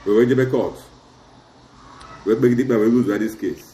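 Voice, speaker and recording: Here a middle-aged Nigerian chief with an Asaba Igbo accent, interviewed about a community dispute, recounts it at length while switching between Igbo and English. His medium-pitched voice holds a steady, dark tone at a moderate pace. The recording has reverb and a little hiss or hum.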